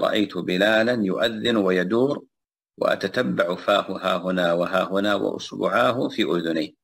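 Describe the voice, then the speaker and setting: Gravelly low-voiced man teaching a text. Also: a bit bright. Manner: repeats phrases and pauses with fillers while explaining. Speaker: religious teacher. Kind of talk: classroom lecture explaining a text.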